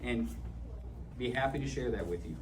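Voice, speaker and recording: A man's voice: mid-range voice, animated, moderate pace. Middle-aged man talking through glass. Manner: polite and accommodating, explains patiently. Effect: heard through a glass partition. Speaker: supervisor. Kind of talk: casual conversation at a service counter. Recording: echoey, distant, noisy room.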